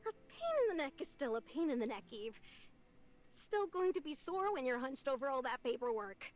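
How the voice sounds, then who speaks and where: A woman's voice: high voice, big pitch swings, brisk, highs cut off. An actress playing a sly, motherly woman boss speaking over a radio, dry and slightly weary.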